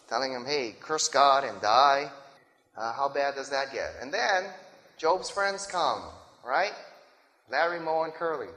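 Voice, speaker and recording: A man's voice: mid-range voice, a bit bright. A man preaching a sermon in a loose, conversational way, often checking in with the listeners, in a large hall. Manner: conversational, keeps checking in with "right?" and "okay?". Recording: echoey hall reverb.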